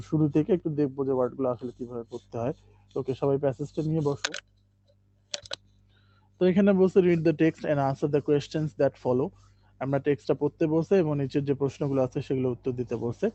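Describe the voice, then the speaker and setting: A man teaching English in an online live class. He explains step by step with many okays, and reads English lines out slowly to drill pronunciation. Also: medium pitch, dark tone, no room sound, highs cut off.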